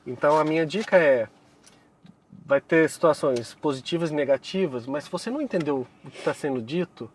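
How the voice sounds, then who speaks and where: A man from Brazil giving casual advice as a co-host, chatty and relaxed, laughing often as he talks. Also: fairly high pitch, brisk. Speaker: co-host, Korean teacher. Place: inside a moving car. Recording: faint car noise. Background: faint vehicle noise.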